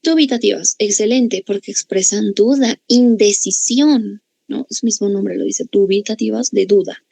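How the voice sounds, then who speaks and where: A woman's voice: medium pitch, moderate pace, gravelly, mellow, no room sound, poor audio. A woman with a Bolivian accent teaching a grammar class, explaining patiently and often checking in with her students. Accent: Bolivian Spanish. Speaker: language teacher.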